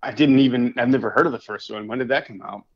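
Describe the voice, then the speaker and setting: A man's voice: mid-range voice, fast. A man co-hosting a podcast in casual chat, laid-back, laughing often and saying "dude" and "man" a lot. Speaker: podcast co-host. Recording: dull lo-fi sound.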